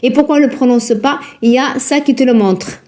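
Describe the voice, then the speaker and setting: A woman teaching Quran recitation rules in a live lesson, patient and repetitive, drilling words slowly and asking her students questions. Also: high-pitched, a little mellow. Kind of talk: live online tajwid lesson.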